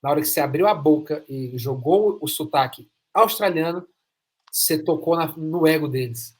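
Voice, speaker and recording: A Brazilian man hosts an interview podcast, chatting enthusiastically in a fairly high voice at normal speed. He talks emphatically and repeats phrases to stress them.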